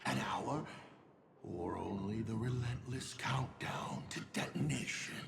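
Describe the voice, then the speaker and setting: A man's voice: on the low side, unhurried, creaky, background noise. An actor playing a gleeful old male schemer in a game, mocking and relishing others' failures. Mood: gloating. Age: older.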